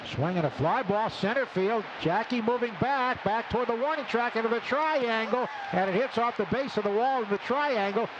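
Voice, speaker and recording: A man with a very high voice gives live radio baseball play-by-play in clipped phrases at normal speed, barely pausing. The outdoor ballpark broadcast is noisy with steady crowd sound, and the audio is dull.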